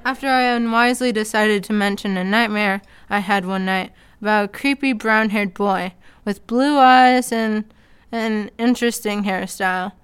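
A woman's voice: mid-range voice, fairly even intonation, normal speed, clean tone. Sarcastic woman telling a comedy story. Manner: casual and sarcastic. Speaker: narrator. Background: faint background music.

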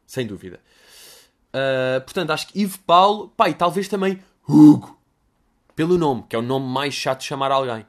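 A man's voice: on the high side, moderate pace. A young man with a European Portuguese accent, answering listener questions in a rambling, crude, jokey comedic monologue.

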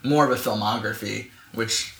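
A man's voice: lowish voice, normal speed, vocal fry, crowd noise. A young man from New York City hosting a podcast, asking questions with dry jokes. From New York City, USA. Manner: dry joking, asks questions. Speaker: podcast host. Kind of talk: casual chat. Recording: echoey room with faint noise.

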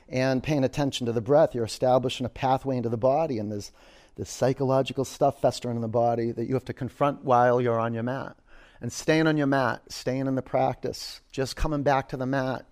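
A man's voice: mid-range voice, a little mellow. A man teaching a yoga class, giving short, direct cues and reflective guidance, often repeating phrases for emphasis. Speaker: yoga instructor.

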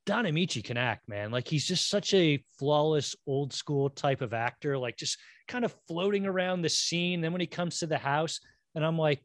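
A man's voice: a little high, expressive, moderate pace, dry recording, clean studio sound. A man rambling in casual movie chat, full of fillers and self-deprecating asides.

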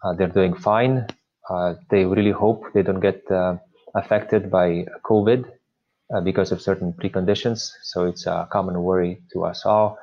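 Slovenian-accented male priest, interview guest, halting delivery, muffled remote sound. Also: deep voice, steady tone, a little mellow. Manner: hesitant, many filler pauses. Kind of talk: interview conversation.

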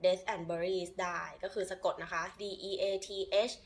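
A woman's voice: fairly low pitch, little pitch movement, takes it slowly. A woman co-hosting a casual podcast, chatty, who carefully spells out names letter by letter. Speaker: podcast co-host.

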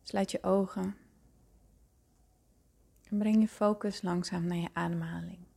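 Zachte, trage vrouwenstem voor geleide meditatie. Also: female voice, lowish voice, fairly even intonation, unhurried, gravelly, warm tone. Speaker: podcast host guiding a meditation. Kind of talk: guided meditation.

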